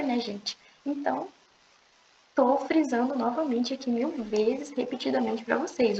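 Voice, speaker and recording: A young woman teaching an online language lesson, explaining patiently and repeating slow, drawn-out pronunciation examples. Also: fairly high pitch, vocal fry, darkish tone, slight background noise. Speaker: English teacher. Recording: echoey room, dull lo-fi sound.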